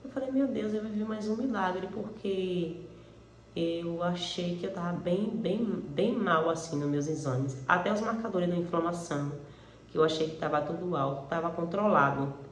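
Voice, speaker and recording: A woman's voice: lowish voice, normal speed, echoey room, rough recording. A woman with a Brazilian Portuguese accent giving an earnest, conversational religious testimony, speaking to listeners as brothers and sisters in faith.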